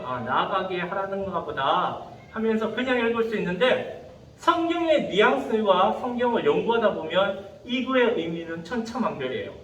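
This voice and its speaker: High, lively male pastor preaching. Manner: lively, acts out voices, frequent "자". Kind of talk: sermon. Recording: echoey room, distant mic, faint noise.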